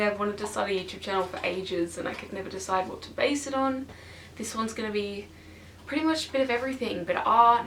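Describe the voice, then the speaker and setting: A woman's voice: a little high, roomy sound. A talkative teenage girl rambles to her camera, bubbly and full of "like"s. She sits back from the mic in her bedroom, so her voice rings in the room and sounds a little distant. A faint hiss lies under her voice. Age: teens. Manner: chatty and excitable, lots of fillers. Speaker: vlogger. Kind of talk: casual chat to camera. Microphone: stationary camera.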